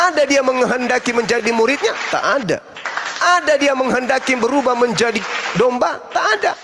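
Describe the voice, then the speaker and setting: A man's voice: extremely high pitch, a bit bright. A male Islamic preacher giving an emphatic, dramatic lecture on scripture, full of rhetorical questions. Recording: long hall reverb.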